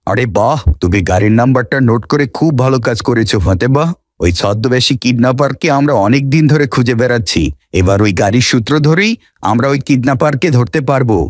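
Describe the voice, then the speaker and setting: A man's voice: medium pitch, fast talker, no echo, studio quality, natural voice. A man voicing a stern, commanding police officer in a cartoon. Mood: reassuring.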